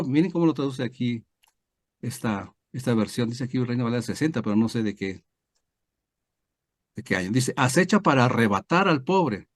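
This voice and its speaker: A pastor teaching a Bible study over a video call, explaining step by step with many fillers and tag questions. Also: male voice, medium pitch, dry recording, studio quality. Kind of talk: online screen-share Bible lesson.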